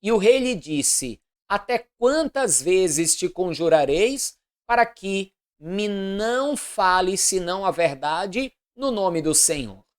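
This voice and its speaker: A woman, reading scripture aloud in a measured, deliberate way and adding commentary. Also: mid-range voice, animated. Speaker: Bible reader.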